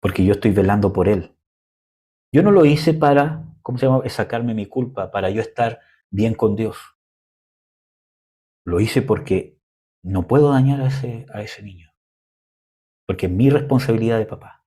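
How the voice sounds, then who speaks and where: A young man preaching a sermon in a conversational way, often pausing with fillers. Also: lowish voice, mellow, husky. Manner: conversational preaching, frequent "¿cómo se llama?" fillers.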